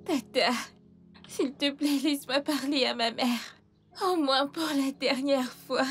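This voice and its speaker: Dub: woman playing grieving young girl, timid, high voice. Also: moderate pace, natural voice. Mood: pleading. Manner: tearful, pleading. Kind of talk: French dub of a film.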